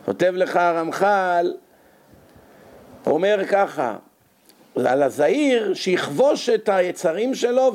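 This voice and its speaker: Animated male Torah teacher, rhetorical. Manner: lively, conversational, rhetorical questions to listeners; sharp drops and rises in pitch for emphasis.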